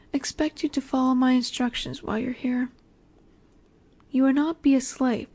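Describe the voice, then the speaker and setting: A woman plays a nurturing, dominant snake-woman monster in an intimate roleplay audio. Her voice sits high, and her gentle, coaxing delivery often drifts toward a whisper.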